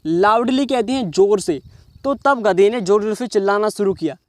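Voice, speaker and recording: Each English word is read slowly, then explained in Hindi by a man whose voice sits high, as he gives a reading lesson. He keeps checking in with "समझ रहे हो", and the recording has no room sound.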